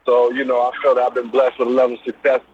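He talks very fast, in a completely flat delivery, his mid-range voice slightly rough. This middle-aged business owner from Brooklyn, New York accent and all, is an easygoing interview guest on a phone-like line, chatting casually about his background with many loose fillers.

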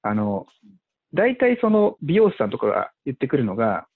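A man working as a venture investor, chatting casually with lots of fillers and animated retellings. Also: medium pitch, moderate pace, breathy edge. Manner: animated, many fillers, acts out quotes. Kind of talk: casual podcast conversation. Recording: tinny phone-like audio.

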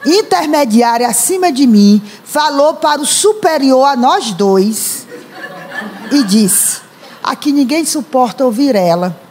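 A high, bright-voiced woman delivers a lively sermon on a stage mic in a church. She teases the congregation with funny stories, then climbs into shouted proclamations. A faint room ambience sits under her voice. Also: slight background noise. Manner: animated, humorous, rising to shouts. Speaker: preacher. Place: church hall.

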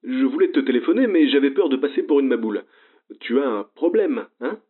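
Man doing a worried older woman through a tinny phone line, fretful, lively pitch. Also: brisk. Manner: fretful, hesitant. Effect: phone filter.

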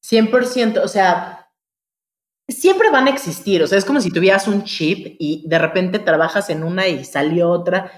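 A woman with a Mexican accent, a mother, talking as a guest in a casual conversation, lively and storytelling, insisting things are true. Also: fairly low pitch, moderate pace. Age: adult mother. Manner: animated, storytelling, keeps swearing it's true.

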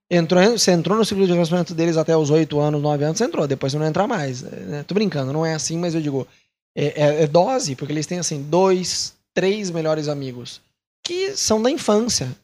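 A Brazilian man with a Brazilian Portuguese accent, a missionary talking casually to the camera, animated and repeating words for emphasis. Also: on the high side.

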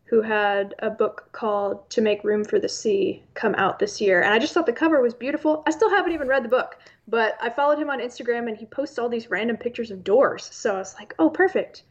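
A woman guest poet on an online call, speaking casually and reading her work aloud, with a dull, slightly rumbly sound. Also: brisk, few pauses. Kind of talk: casual chat and poem reading.

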